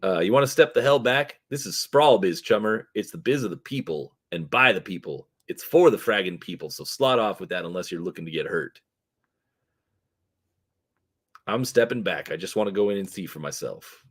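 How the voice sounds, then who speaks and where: A man voicing a twitchy, shifty male orc drug dealer with fast, wheedling street slang. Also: deep voice, animated, slightly rough. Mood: menacing.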